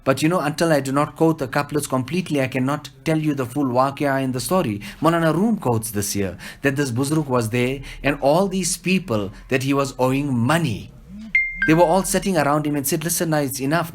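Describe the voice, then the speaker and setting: Man, devotional discourse, unhurried storyteller. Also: mid-range voice. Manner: storytelling, quotes couplets, slows for emphasis. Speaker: religious teacher.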